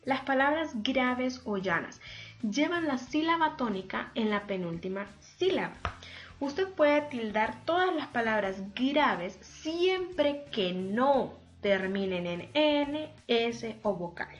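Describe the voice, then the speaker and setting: Slow, deliberate woman teacher. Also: fairly high pitch, expressive, lo-fi sound, soft background music. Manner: slow, deliberate, syllable by syllable, addresses students formally. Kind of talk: remote lesson on spelling and accents.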